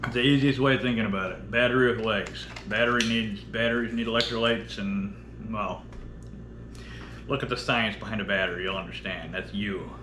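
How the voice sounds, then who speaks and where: A man's voice: fairly low pitch, fairly even intonation, brisk, noisy background. A man with a lisp and whistling s from missing top teeth, talking bluntly and profanely in a casual, rambling unedited vlog. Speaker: workout vlogger. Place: indoor home workout space with running fridge.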